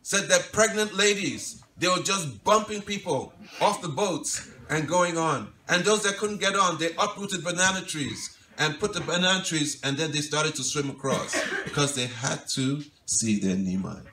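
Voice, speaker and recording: A man, a monk giving a devotional lecture, tells a sacred story in a gentle storytelling style, dropping to a soft, quiet voice for quoted pleas. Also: fairly high pitch, normal speed, few pauses. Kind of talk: storytelling sermon. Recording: roomy hall echo, mic at a distance, faint ambience.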